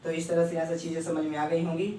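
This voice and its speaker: A man's voice: on the high side, monotone, quick pace, warm tone. Man, shorthand teacher, step-by-step explaining, checks for understanding, distant mic, faint room noise. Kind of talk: classroom lecture. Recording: echoey room, mic far off.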